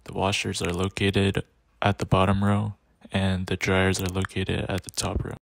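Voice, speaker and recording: A man's voice: sits low, completely flat delivery, moderate pace, creaky, a little hiss or hum. A young man narrating a class project video about campus laundry rooms, reading plainly. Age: young adult. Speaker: student presenter.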